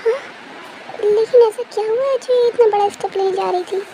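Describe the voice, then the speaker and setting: A woman voicing a caring mother figure who coaxes gently and then lays down the law. Her tone stays very high and soft, with a quiet hiss of noise behind it in a fan-made dub story. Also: fairly quick, low-quality recording. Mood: explaining. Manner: soothing, coaxing, firm. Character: caring motherly aunty, warm and firm.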